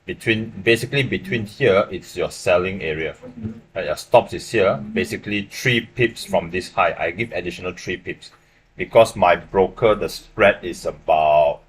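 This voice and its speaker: Deep-voiced Malaysian man explaining trades live. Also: normal speed, a little hiss or hum. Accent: Malaysian English. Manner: casual, explanatory, checks in with "right?" often. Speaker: livestream forex trader. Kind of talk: live trading stream commentary. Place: small room indoors.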